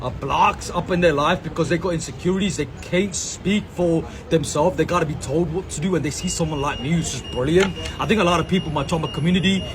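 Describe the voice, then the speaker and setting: This self-filmed monologue comes from a Sri Lankan content creator outdoors in public, rambling with slang, fillers and repeated catchphrases. He talks fast with few pauses in a slightly high voice, and the background is noisy.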